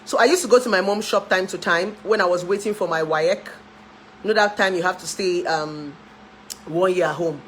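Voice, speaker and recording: This relationship therapist in her thirties, with a Nigerian accent, talks casually to camera about her life, laughing often and lapsing into pidgin with her followers. Her voice is on the low side and moves at a moderate pace. The recording is rough, with slight background noise.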